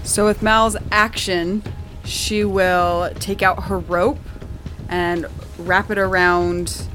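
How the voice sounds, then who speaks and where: A woman with a rather low voice takes part in a tabletop game as a player. She describes what her character does, with faint music behind her. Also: flat delivery, slow pace, a bit bright. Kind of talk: tabletop role-play, describing character's actions.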